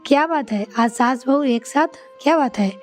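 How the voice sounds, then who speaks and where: A woman's voice: sits high, moderate pace, faint music behind, close to an everyday voice. A woman voicing a cheerful young adult son who praises his mother's cooking, in a storybook tale. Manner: cheerful, teasing.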